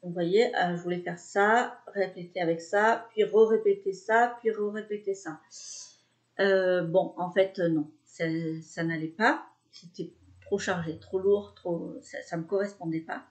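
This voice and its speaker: A woman's voice: lowish voice, fairly even intonation, a little slow, lo-fi sound. A woman in her thirties hosting a knitting podcast in a casual, chatty way, hesitating often with fillers and restarts. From France. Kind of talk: casual chat.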